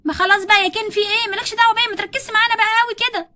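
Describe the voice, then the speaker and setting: A woman's voice: very high-pitched, animated, fairly bright tone. A woman with an Egyptian Arabic accent voicing a bossy, stubborn young doll mother in a toy role-play story. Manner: scolding, quick-tempered.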